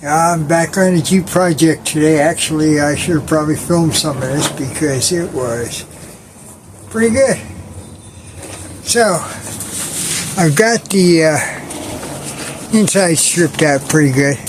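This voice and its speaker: Slow-talking man in a noisy outdoor garage. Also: a little high. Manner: relaxed, rambling, with many pauses. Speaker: hobbyist vlogger restoring a jeep. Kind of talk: casual DIY vlog talk. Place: outdoor garage work area.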